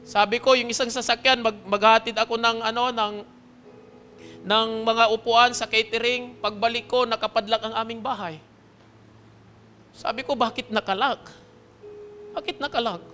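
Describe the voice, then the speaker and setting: A man preaching as pastor, telling a personal testimony to his congregation in an earnest manner that swings between hushed and loud, pleading passages. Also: very high-pitched, flat delivery, normal speed, pauses often, a little hiss or hum. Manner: earnest, often checks in with the congregation.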